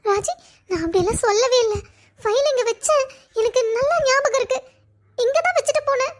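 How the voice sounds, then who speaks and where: Tearful young cartoon heroine, stammering, very high and thin, voiced by a woman. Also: fairly quick. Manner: stammering, crying, pleading. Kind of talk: cartoon drama voice acting.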